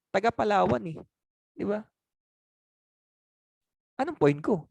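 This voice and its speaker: Male sales trainer, slightly high voice, dry close sound, chatty and questioning. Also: gravelly, darkish tone, no echo. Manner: conversational, laughs often, asks for agreement. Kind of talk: training talk answering objections.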